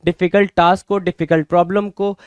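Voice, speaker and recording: A man drills vocabulary for an exam, using an Indian English accent, lots of repetition, and rhetorical questions while addressing students as "bhai." His high-pitched voice is flat, fairly quick, clear, and resonant, captured in a dry recording.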